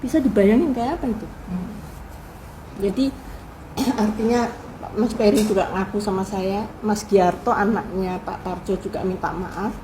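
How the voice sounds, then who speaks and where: An older woman, a guest in an interview, telling family history in a lively way and acting out the people she quotes. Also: mid-range voice, background noise. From Indonesia. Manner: animated storyteller who acts out quoted people. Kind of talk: casual spoken reminiscence.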